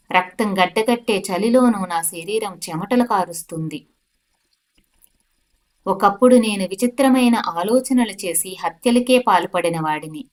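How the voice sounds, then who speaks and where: A woman storyteller narrating a dramatic first-person story in a steady, dramatic way. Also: medium pitch.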